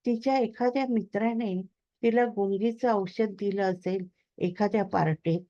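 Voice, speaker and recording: A woman reading the part of a worried middle-aged father who talks things through earnestly and calmly. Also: mid-range voice, normal speed, lo-fi sound, close to an everyday voice.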